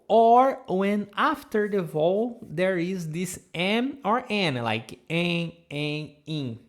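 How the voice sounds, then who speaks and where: A Brazilian woman with a low-pitched voice and a Brazilian accent teaches Portuguese in a live online lesson. She patiently repeats sounds for her students to copy, and she is picked up by a camera mic.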